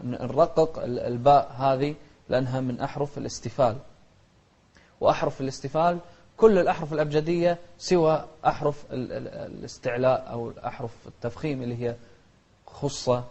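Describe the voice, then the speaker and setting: A man teaching Quran recitation, who chants verses slowly and melodically and breaks off into rapid, quiet spoken explanations. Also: medium pitch, fairly even intonation, highs cut off. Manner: alternates slow melodic chanting with rapid soft corrective asides.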